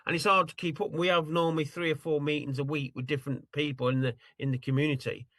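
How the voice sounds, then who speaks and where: A man with a somewhat high voice walks people through a tool on a video call. He rambles and apologizes as he hunts around his screen, and his sound is close and dry with no room around it. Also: steady tone, fast talker, a bit bright, no echo. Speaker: attendee demonstrating a tool. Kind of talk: casual screen-share demo on a video call.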